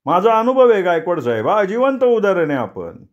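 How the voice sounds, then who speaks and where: Casting: man playing an easygoing rustic driver in a storybook, worldly and unhurried. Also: sits high, sing-song, highs cut off, pitched above the performer's own voice. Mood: wry.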